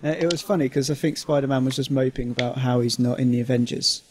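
A man's voice: mid-range voice, fairly even intonation, fast talker, a little hiss or hum. A man in casual podcast conversation, hesitant and full of fillers. His humor is dry and sarcastic. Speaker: podcast co-host. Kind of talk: casual chat.

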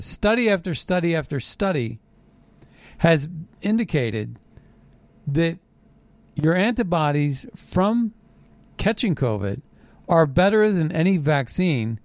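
A man's voice: a little high, dry recording. An American man delivering an unscripted political rant in a suspicious, conspiratorial manner, repeating phrases for stress as a show host.

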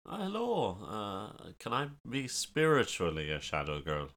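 A man with a lilting, musical Kerry Irish accent, chatting and telling stories in a halting way, often repeating words. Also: fairly low pitch, huge pitch swings, fairly bright tone. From County Kerry, Ireland. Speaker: storyteller, podcast guest. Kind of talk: casual chat, storytelling.

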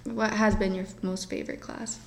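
Young woman in her twenties, host, playful, teasing, mid-pitched voice. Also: little pitch movement, a little fast, vocal fry. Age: 20s. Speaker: podcast host. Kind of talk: casual interview chat.

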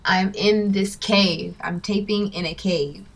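A woman's voice: mid-range voice, slow pace, vocal fry, husky. Chatty woman podcaster in an echoey room. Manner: relaxed, loose and chatty. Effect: echoey room sound. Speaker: podcast co-host. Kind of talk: casual chat. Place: dining room area at home.

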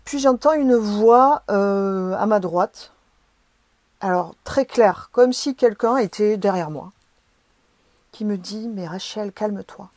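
A woman's voice: medium pitch, slow, darkish tone. A woman telling a personal experience in vivid, emotional, hesitant speech.

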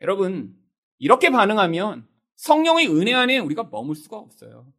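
A man's voice: high voice, huge pitch swings, a little fast, fairly bright tone. A male pastor preaching a sermon, speaking straight to the congregation with rhetorical questions and acting out everyday excuses in quoted voices.

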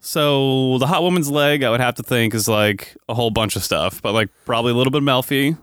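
A man's voice: mid-range voice, brisk, fairly bright tone, no echo, studio quality. A man co-hosting a podcast, talking hesitantly with lots of fillers and agreeing murmurs. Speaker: podcast co-host. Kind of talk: casual chat.

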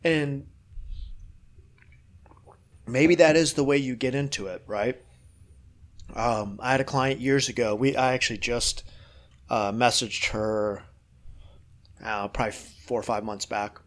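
A man's voice: mid-range voice, unhurried, long pauses, fairly bright tone. A middle-aged man, a fitness coach, chatting casually on a podcast in a rambling, frank way with lots of fillers and the odd swear.

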